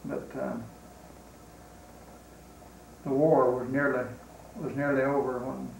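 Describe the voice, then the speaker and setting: An elderly American man with a Southern accent, a war veteran remembering in an interview, halting with long pauses. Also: mid-range voice, flat delivery, creaky. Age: 80s or older. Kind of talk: unscripted reminiscence in an interview. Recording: roomy, distant mic, faint noise.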